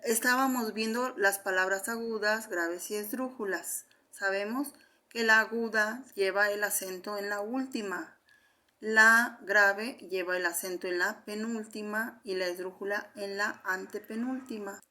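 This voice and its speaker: A woman's voice: mid-range voice, steady tone, measured pace, pushed and bright. A woman teacher patiently going through quiz answers one by one, speaking to her students in a methodical way. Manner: patient, methodical, addresses the class. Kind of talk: explaining answers of a Spanish review quiz.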